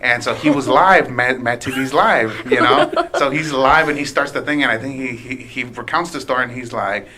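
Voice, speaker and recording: A man's voice: mid-range voice, moderate pace, few pauses, sharp tone, slight background noise. A man in his late twenties, a guest telling stories in a casual, profane, rambling way with many restarts. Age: late 20s. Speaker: podcast guest, aspiring comedian. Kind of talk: casual storytelling chat.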